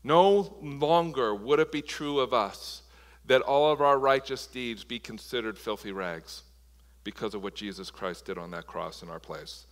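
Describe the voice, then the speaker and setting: A man's voice: medium pitch, a little slow. A man preaching a sermon as pastor, impassioned, often restarting and repeating words. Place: church sanctuary. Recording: long reverb of a large hall.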